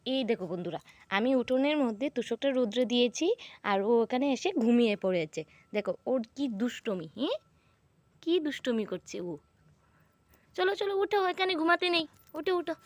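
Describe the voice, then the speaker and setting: A mother talks to her viewers and coaxes her small daughter, her high voice leaping up and down with lively swings. The sound is close and dry, with no room echo. She soothes and scolds in turn in an easy, homey way. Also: a little fast. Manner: coaxing, soothing a child. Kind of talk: casual family vlog talk to viewers.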